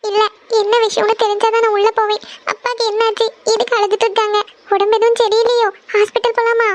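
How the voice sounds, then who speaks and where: A woman's voice: very high-pitched, little pitch movement, fast talker, noisy background. A woman voicing a devoted young eldest daughter in a cartoon family serial, pleading insistently.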